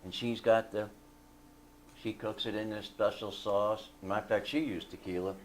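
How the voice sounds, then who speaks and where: Animated man telling a story to a group. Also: fairly low pitch, normal speed, a little hiss or hum. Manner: animated, playful, asks the group for agreement. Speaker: fellowship group leader. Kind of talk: casual storytelling to a small group.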